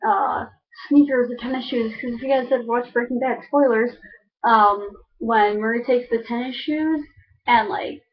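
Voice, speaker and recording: A slightly muffled, lo-fi recording of a young woman with a Chicago accent. Her voice sits on the higher side. She talks informally and opinionatedly, rambling along in casual conversational style. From Chicago suburbs, United States. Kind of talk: casual chat to camera. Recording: dull lo-fi microphone.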